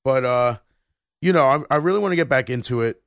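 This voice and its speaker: A man in his thirties chatting on a podcast, with a middle-pitched voice. He rambles and restarts his sentences often, leaning on fillers. The sound is close and dry, with no room around it. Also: animated, a little fast, a bit bright, no echo. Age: 30s. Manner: rambling, full of restarts and "you know". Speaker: podcast co-host. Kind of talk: casual chat.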